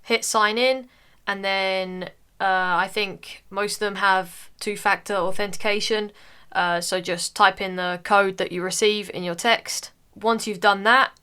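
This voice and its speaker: Her voice is medium-pitched, smooth, and sharp in tone. She's a young woman from the UK narrating a relaxed screen-recording tutorial on filling in an online form, with lots of "uh" fillers.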